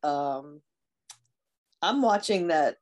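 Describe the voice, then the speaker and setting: A woman in her thirties co-hosting a casual podcast chat, chatty and quick to laugh as she tells stories. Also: sits low, a little hiss or hum. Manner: chatty, laughs often, animated storytelling. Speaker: podcast co-host.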